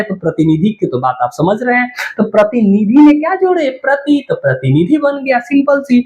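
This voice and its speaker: A man's voice: very high voice, low-quality recording. A man teaching Hindi grammar in a classroom lecture, who asks questions and answers them himself and keeps calling the listener 'babu'.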